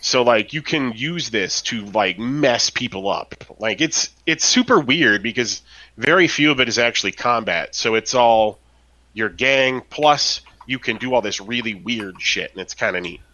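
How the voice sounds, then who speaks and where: A man's voice: medium pitch, animated, moderate pace, bright, forceful tone, low-quality recording. A man chatting casually on a podcast about a role-playing game, rambling with lots of fillers and tag questions. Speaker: podcast co-host.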